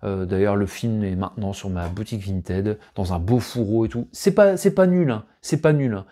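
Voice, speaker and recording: A man's voice: fairly low pitch, moderate pace, warm tone. A man chatting casually and rambling about his latest film finds, full of fillers and asides. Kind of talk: casual chat unboxing.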